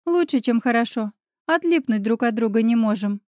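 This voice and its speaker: A lively, caring young woman friend, voiced by a woman reading an audiobook. She talks briskly and decisively in a high, bright register, and the sound is dry and close. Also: no room sound, natural voice. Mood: happy. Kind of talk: audiobook character voice.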